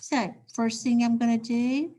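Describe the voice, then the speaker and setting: Woman math teacher; deliberate pace, talks each step through, keeps asking "okay?". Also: fairly high pitch, steady tone, dark tone, slight background noise. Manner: talks through steps aloud, checks in with "okay?". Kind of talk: recorded math lesson.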